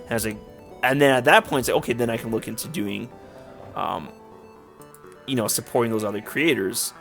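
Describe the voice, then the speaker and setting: A man's voice: mid-range voice, a little fast, gravelly, a bit bright. A man giving casual commentary while playing a game, rambling on with lots of filler words. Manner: rambling, filler-heavy, frequent "like". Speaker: let's play YouTuber. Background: faint game music.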